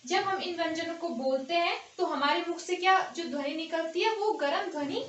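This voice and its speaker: High-voiced woman teaching in an echoey room. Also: normal speed, fairly bright tone, distant mic, dull audio, slight background noise. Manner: explains step by step, asks and answers her own questions. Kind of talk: Hindi grammar lesson.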